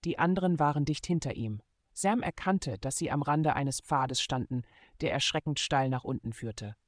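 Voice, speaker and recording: A man reading a German adventure novel aloud in steady, measured scripted narration. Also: mid-range voice, no room sound. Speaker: audiobook narrator.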